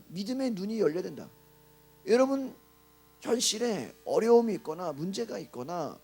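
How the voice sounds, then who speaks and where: A male pastor preaches an early-morning sermon. His voice sits high and has a husky edge. He keeps turning to the congregation with quick rhetorical questions. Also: darkish tone.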